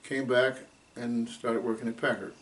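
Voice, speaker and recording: A man in his eighties from Ohio, telling his life story in an oral history interview at an unhurried, rambling pace with many fillers. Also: mid-range voice, level tone, a bit bright. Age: 80s. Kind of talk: unscripted life-story reminiscing. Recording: distant mic with faint background noise.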